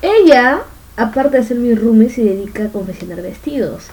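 A woman's voice: a little high, animated, normal speed, a little mellow. A young woman co-hosting a podcast, teasing her friend with playful banter. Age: young adult. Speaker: podcast co-host. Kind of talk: casual chat between friends. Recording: a bit distant with faint noise.

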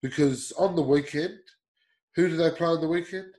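A man's voice: a little high, normal speed, a little mellow, echoey room, low-quality recording. A man hosting a sports talk show, blunt and swearing freely as he rants. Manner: blunt, swearing, heated ranting.

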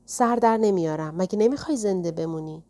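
A woman's voice: fairly low pitch, mellow, natural voice. A woman voicing a pleading, anxious middle-aged housewife in an audiobook. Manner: urgent, pleading tone. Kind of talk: audiobook character reading.

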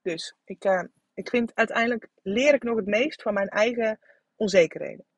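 A podcast host in her thirties talks frankly on her solo show, coaching her listeners, casually swearing, and using many fillers and restarts. She speaks at a moderate pace in a husky, slightly high voice, with no echo.

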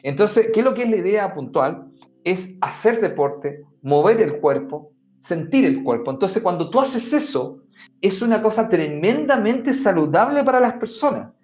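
His high voice swings widely in pitch, keeps a moderate pace, and has a slightly mellow tone. On a podcast, he gives advice in a conversational explaining style aimed directly at the listener, often saying "mira" and "amigo." Faint music and a roomy echo color the recording.

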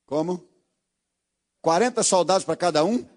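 A man with a Brazilian Portuguese accent preaching a sermon, speaking intimately to listeners and swinging from hushed tones to fervent appeals. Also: high-pitched, lively intonation, normal speed.

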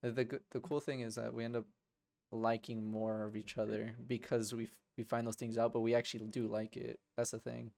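A man's voice: mid-range voice, level tone, brisk, gravelly, warm tone. A young man co-hosting a podcast in casual chat, laid-back and often repeating words as he starts. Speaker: podcast co-host.

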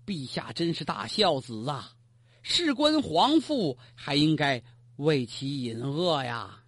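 A man voicing a calm, unhurried court tutor giving shrewd advice in a storytelling performance. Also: on the high side, no echo, voice pushed down, full character voice. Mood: persuasive. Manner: unhurried, persuasive.

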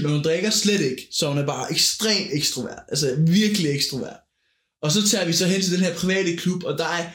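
A man's voice: a little high, fairly bright tone, roomy sound. Man telling a rambling story, raised voice. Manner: rambling, searches for words. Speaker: podcast host. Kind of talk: casual chat, storytelling.

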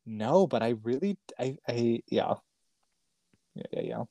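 A man's voice: mid-range voice, expressive, measured pace, vocal fry, mellow, dry recording. A man co-hosting a podcast in casual chat. He rambles, giggles and trails off mid-thought. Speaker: podcast co-host.

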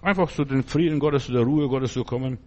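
A male preacher giving a folksy, conversational sermon with big swings in pitch and frequent asides asking whether the listener follows. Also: fairly quick, warm tone, lo-fi sound.

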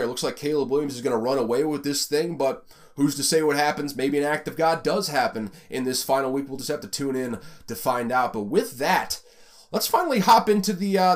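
A college football podcast host with a Southern American accent runs through the week in a casual, rambling, conversational way, full of fillers. His voice is medium-pitched and fairly bright.

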